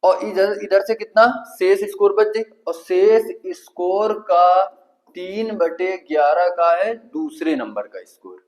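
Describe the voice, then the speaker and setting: Here a man with a high voice takes his time over an exam-prep math lesson, his Kanpuri Hindi accent clear as he quizzes the class and answers each question himself step by step. The sound quality is poor.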